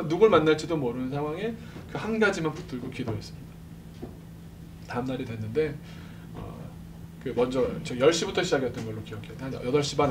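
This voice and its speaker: A man telling a lively testimony to a church congregation, acting out the voices of the people in his story and laughing often. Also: a little high. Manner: animated, acts out quoted voices, laughs often. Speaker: speaker at a church service. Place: church sanctuary. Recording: distant mic with background noise.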